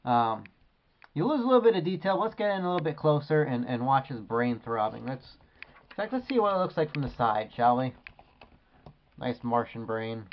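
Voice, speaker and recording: A man's voice: mid-range voice, sing-song, moderate pace, muffled recording, noisy background. A man reviewing an action figure in a casual, rambling way with many hesitations. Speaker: toy collector reviewer.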